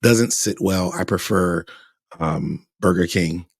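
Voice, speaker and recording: A man's voice: low voice, takes it slowly, slightly rough, no echo, studio quality. A middle-aged man hosting a podcast, giving chatty, meandering, opinionated commentary. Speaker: podcast host. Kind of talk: casual commentary.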